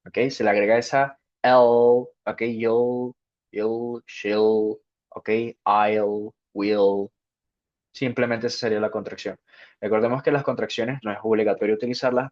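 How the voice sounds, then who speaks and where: Male teacher, unhurried lesson delivery, muffled low-fi audio. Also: fairly even intonation, darkish tone. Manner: slow, repeats "ok" to check understanding. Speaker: English teacher. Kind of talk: spoken grammar lesson. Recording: dull lo-fi sound.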